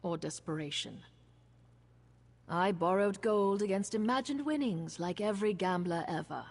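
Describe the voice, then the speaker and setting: An actress voices a wary, practical woman gambler in a video game, delivering her lines in a dry, matter-of-fact, guarded way. Her voice is medium-pitched and animated at normal speed. The recording has long reverb and faint noise.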